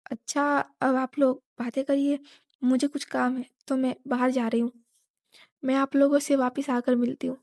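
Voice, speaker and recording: A woman's voice: high-pitched, flat delivery, normal speed, darkish tone, no echo, clean studio sound. A woman voicing a polite young woman guest who is eager to leave. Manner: polite, apologetic.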